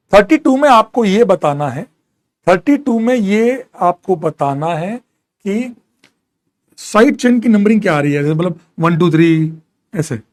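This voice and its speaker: A high-voiced man runs a live online chemistry lesson, calling out atom numbers and slipping English terms into his talk. He answers questions he reads from students while teasing and mock-scolding them, his notably high pitch carrying a darkish tone.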